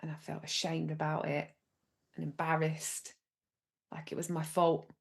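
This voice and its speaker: A woman host takes part in a guided session, echoing phrases and then opening up about her feelings. Her voice sits very low for a woman, and she speaks with open emotion. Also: completely flat delivery, unhurried, creaky, husky. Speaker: podcast host. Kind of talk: personal sharing in a guided session.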